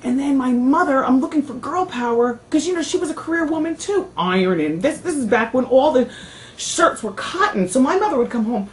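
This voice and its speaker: A woman talk show host telling a personal story in casual chat, animated and emotional. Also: sits high, a little fast, a little hiss or hum, poor audio.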